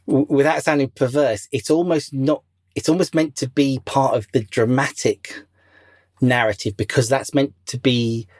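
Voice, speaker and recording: A man speaks casually as a podcast guest, circling his points with fillers and restarts. His voice sits at a middle pitch. The recording is dry and close, with no room sound. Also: dry recording. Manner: rambling, many fillers and restarts. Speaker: interview guest, former crew member.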